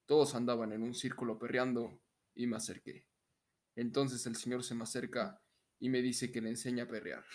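Here a young co-host with a Mexican accent, his mid-range voice slightly dark, jokes through casual comedic podcast chat and story reading, often slipping into laughter.

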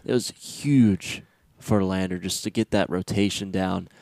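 Young male podcast host, lowish voice, dry close sound, energetic rambling delivery. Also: unhurried, gravelly, dry recording. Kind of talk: casual sports chat.

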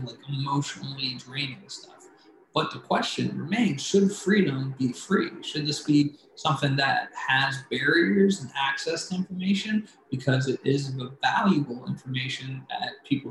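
With a medium-pitched, fairly bright voice, a Philadelphia-area podcast co-host chats casually in a playful, rambling way. A roomy echo and faint background hiss color the recording.

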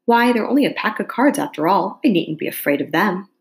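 A woman's voice: medium pitch, lively intonation, fairly quick, voice pushed up, natural voice. A woman voicing a young storybook girl who is polite and curious, timid yet plucky.

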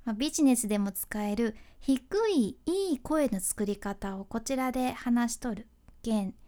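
A woman's voice: a little high, normal speed, mellow. Chatty woman with a Kyushu lilt. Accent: Kyushu dialect (Hakata-ben). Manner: chatty, laughs often, mixes polite and dialect speech. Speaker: freelance announcer, podcast host. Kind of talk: casual solo talk on speaking tips.

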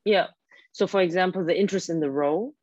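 In a dull, dry lo-fi recording with no room sound, a woman who first spoke German, working as a career coach, explains advice as an interview guest. Her lowish, slightly mellow voice moves quickly, and she speaks earnestly while frequently restarting her words.

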